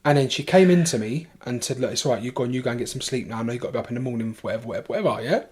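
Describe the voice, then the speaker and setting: A man with a London accent, a podcast guest telling a long story in a casual way, animated, swearing freely and restarting his sentences. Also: medium pitch, rapid-fire, slightly rough.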